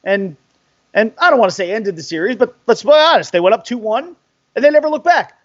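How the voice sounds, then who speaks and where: Fired-up, high-voiced man ranting about sports. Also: animated, a little fast, no room sound. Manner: fired-up, exasperated, profane rant. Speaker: sports podcast host. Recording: dry, dull lo-fi sound.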